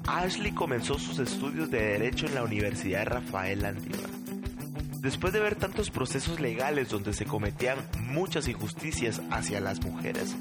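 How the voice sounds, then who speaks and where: A man giving a measured, scripted narration introduction. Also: medium pitch. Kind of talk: scripted narration over music. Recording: loud guitar music behind the voice.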